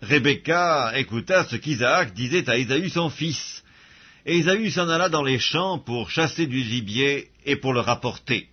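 A man giving a measured, scripted reading of scripture on a dull recording. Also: mid-range voice, animated, breathy edge. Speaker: Bible reader.

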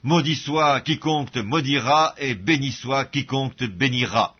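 Man reading an aged father near death, solemn and grave; husky, muffled recording. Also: medium pitch, moderate pace, lightly acted.

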